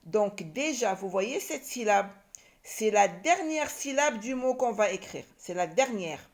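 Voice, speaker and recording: Speaking a little slowly in an animated, medium-pitched voice, a primary school teacher helps young children learn to read. She sounds out words one syllable at a time and says them again.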